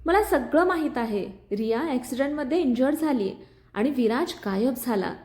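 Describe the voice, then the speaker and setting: A woman's voice: high-pitched, lively intonation, normal speed, darkish tone. A woman voicing a troubled young man haunted by his past, speaking in a firm, brooding way in a spoken story. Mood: tense.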